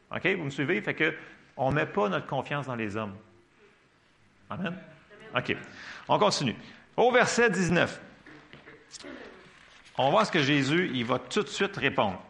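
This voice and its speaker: A man's voice: a little high, vocal fry. A man preaching a sermon in a Quebec French accent, conversational and often checking in with his listeners. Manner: lively, conversational, checks in with the congregation. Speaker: pastor.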